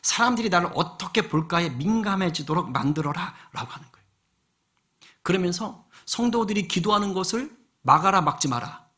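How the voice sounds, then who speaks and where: Bright fairly high voiced pastor guy, lively sermon, keeps quizzing the crowd. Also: fairly quick. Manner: lively, acts out voices and asks the congregation questions. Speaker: senior pastor. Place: church sanctuary.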